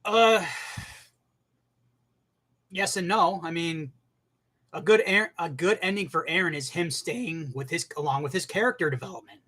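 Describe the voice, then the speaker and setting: A man giving a casual, profane rant as an anime commentator, animated and bursting into shouts. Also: fairly high pitch, moderate pace, pauses often.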